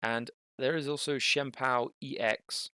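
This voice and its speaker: A young man giving casual, thinking-aloud commentary on a card game match, with bursts of excitement. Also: medium pitch, a little slow, clear, resonant tone, no room sound, clean studio sound.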